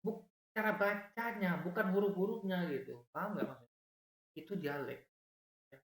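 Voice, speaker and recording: A man giving argumentative reaction commentary, explaining points over and over and swinging his pitch up and down as he talks. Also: animated, moderate pace, fairly bright tone, echoey room.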